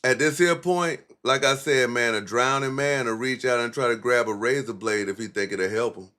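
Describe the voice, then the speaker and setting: Male stream host, middle pitch, blunt and profane, mocking commentary. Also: normal speed, sharp tone. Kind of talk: casual livestream commentary.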